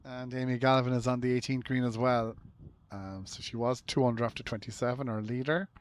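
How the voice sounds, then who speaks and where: An Irish man commentating live on golf in a casual, low-key way, with short shot descriptions and chatty asides. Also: steady tone, a little fast, smooth.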